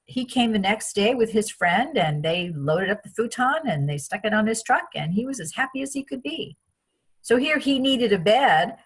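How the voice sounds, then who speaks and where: A woman from France, a guest in an interview, telling personal stories in a chatty, animated way with many restarts. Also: a little high, moderate pace, husky. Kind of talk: casual interview storytelling.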